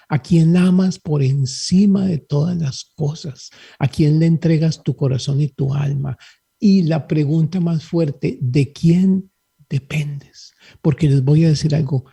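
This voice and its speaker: Gravelly, husky man preaching earnestly. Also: fairly high pitch, slow pace, dark tone. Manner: earnest, preaching, questioning listeners. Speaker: guest speaker.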